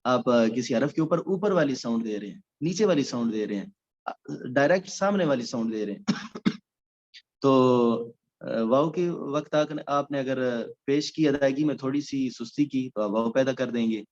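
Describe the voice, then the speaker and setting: A man's voice: mid-range voice, darkish tone, highs cut off. Man teaching in a hesitant lecture. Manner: explanatory, many hesitation sounds. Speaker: Quran recitation teacher. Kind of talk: recorded lecture.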